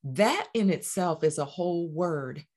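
A woman's voice: lowish voice, expressive, measured pace, darkish tone. A woman life coach speaking as a podcast guest, earnest and emphatic. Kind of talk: casual conversational chat.

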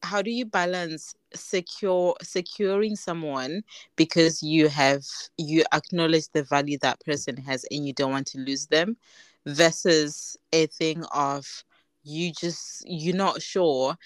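A woman's voice: low-pitched, steady tone, takes it slowly, no echo. A woman co-hosting a casual podcast, asking questions while thinking aloud and trailing off. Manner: thinks aloud, trails off, gives short backchannels. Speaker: podcast co-host.

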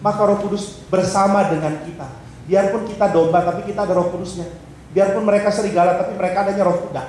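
A man preaching a sermon in a high voice, playful and animated as he acts out little exchanges between characters. His words ring through a very echoey church hall. A faint hiss sits under the recording. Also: quick pace. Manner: humorous, acts out little dialogues in changed voices. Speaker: pastor.

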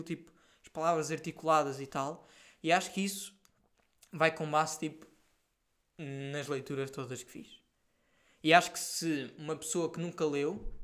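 A man's voice: on the high side, fairly bright tone. A young man with a European Portuguese accent, talking casually to his viewers in a rambling, slang-filled monologue. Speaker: podcast host.

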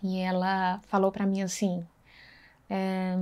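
Woman, mid-pitched, earnest storyteller, relays a faith testimony conversationally and checks in with listeners. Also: monotone, slow pace, darkish tone, clear, resonant tone. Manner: earnest, conversational, acts out dialogue, frequent tag questions. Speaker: speaker sharing a faith testimony.

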